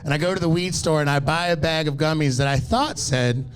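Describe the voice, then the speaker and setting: A man, telling profane, animated stories in a stand-up set and teasing the crowd. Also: fairly high pitch, a little fast, smooth. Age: 30s. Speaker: stand-up comedian.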